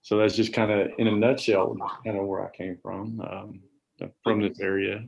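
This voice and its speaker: A man's voice: lowish voice, little pitch movement, moderate pace, vocal fry, highs cut off. A man in his forties, an assistant principal, telling rambling, self-deprecating stories on a casual podcast with plenty of fillers. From Garland, Texas.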